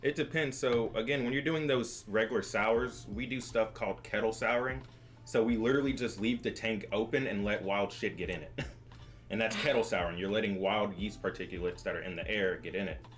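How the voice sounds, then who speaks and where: Joking young brewer with a lowish voice. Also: male voice, brisk, a little hiss or hum. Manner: joking, explains beer styles at length. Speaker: brewer leading a beer tasting. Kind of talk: casual chat.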